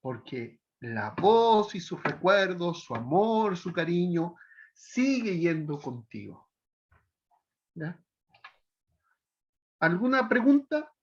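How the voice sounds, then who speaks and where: A man's voice: high voice, very animated, slow, long pauses, muffled recording. A man teaching a biblical counseling class. He calls himself sarcastic and keeps checking in with a tag question. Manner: self-described sarcastic, keeps tagging "¿ya?". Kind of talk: online class lecture.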